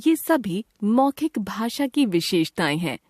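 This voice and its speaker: A woman narrates a children's grammar lesson in a clear, measured way. Her pitch moves a lot as she explains. The sound is dry and close. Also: sing-song, darkish tone, dry recording. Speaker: grammar teacher.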